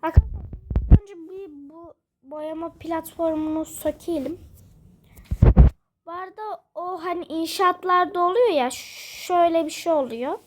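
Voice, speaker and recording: A young female gamer, sick and coughing, chatting quietly from her bedroom while she plays, rambling with lots of fillers. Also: extremely high pitch, unhurried, very noisy. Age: school-age. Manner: rambling, many fillers, self-amused. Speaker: gaming vlogger. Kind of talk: casual let's-play chat. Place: bedroom at home.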